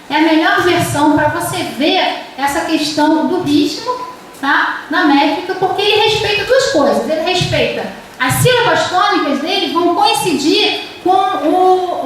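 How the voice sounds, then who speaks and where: A woman's voice: high-pitched, a bit bright, distant mic, a little hiss or hum. Brazilian woman lecturing in an echoey classroom. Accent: Brazilian Portuguese. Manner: explanatory, many fillers and restarts, reads verse aloud. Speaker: literature professor. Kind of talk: university lecture.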